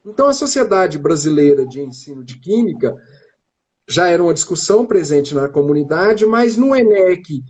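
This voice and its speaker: A man from Brazil, a chemistry professor, explaining his field in a live-stream interview with measured, drawn-out phrasing. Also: fairly high pitch, big pitch swings, darkish tone, slightly rough.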